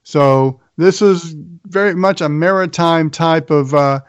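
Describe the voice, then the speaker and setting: Speaking slowly in a slightly high, smooth voice, an American man hosts a sports radio show covering college football news and previews in partly scripted narration. The audio is dull, with no room sound.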